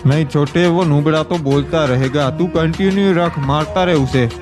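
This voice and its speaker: A man's voice: on the high side, moderate pace, over music, lightly acted. A man doing a menacing gang boss. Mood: threatening. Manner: harsh, threatening, slangy. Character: menacing male gang boss extorting money. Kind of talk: cartoon voice acting.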